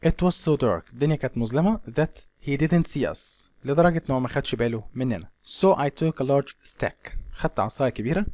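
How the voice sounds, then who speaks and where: A man with an Egyptian accent reads an English novel aloud slowly and explains each line in quick Arabic. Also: medium pitch, lively intonation, a little mellow, dry recording. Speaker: English teacher.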